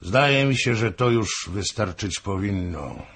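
A man's voice: lowish voice, animated, slow, fairly bright tone, heavily acted. A man voicing an impatient, commanding king. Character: middle-aged king, imperious and impatient.

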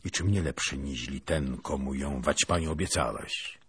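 A man's voice: very deep voice, normal speed, a bit bright, husky, dry recording, clean studio sound, exaggerated voice. Man doing a proud, commanding young nobleman. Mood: formal. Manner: firm, formal, commanding.

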